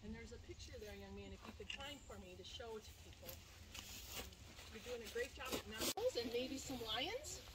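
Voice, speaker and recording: Out among the animal enclosures, a woman guides a tour group through a wildlife sanctuary, explaining things informally. Her voice is a little high and expressive, at a moderate pace, and the outdoor recording is very noisy.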